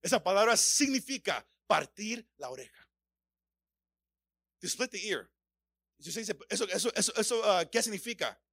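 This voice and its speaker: A man with a high, gravelly voice preaches. He stumbles over repeated words before surging into loud calls, and the sound is close and dry with no room echo. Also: lively intonation, moderate pace, long pauses. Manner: stammering restarts, rising to shouts. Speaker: pastor. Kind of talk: sermon.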